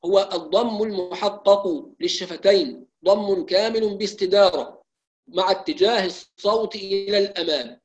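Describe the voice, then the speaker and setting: Brief: high-pitched male recitation teacher, explains then slowly chants each example. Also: low-quality recording. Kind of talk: live recitation lesson with questions.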